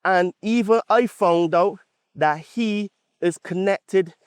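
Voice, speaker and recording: Speaking slowly in a high, clean-toned voice on a dry recording, a podcast host from Barbados holds forth with a Bajan accent. The monologue is conversational, emphatic and opinionated, punctuated by tag questions that check his points.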